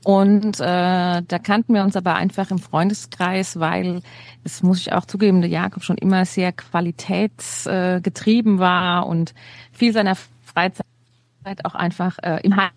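A woman's voice: on the low side, flat delivery, unhurried, no room sound. A woman from the Palatinate, a guest winemaker, chatting over a remote call line that cuts in and out. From Palatinate, Germany. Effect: choppy remote call line that cuts in and out. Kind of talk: casual podcast chat.

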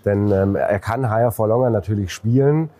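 A man's voice: fairly low pitch, brisk, mellow. A man interviewing a market analyst on a trading floor, asking probing questions and often agreeing briefly. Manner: listens with frequent short agreement, asks probing questions. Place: stock exchange trading floor.

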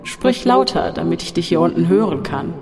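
A narrator voicing a sinister male voice that taunts from a dark shaft in an audiobook, over faint music in a long reverb. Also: medium pitch, animated, moderate pace, vocal fry. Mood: taunting. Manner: mocking, then coaxing and seductive.

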